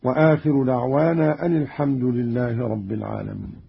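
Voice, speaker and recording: A man's voice: medium pitch, fairly even intonation, fairly quick, gravelly, slightly rough. A man giving a methodical radio lesson, explaining recitation rules and quoting verses, from a dull lo-fi archival radio recording. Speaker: radio Quran reading teacher.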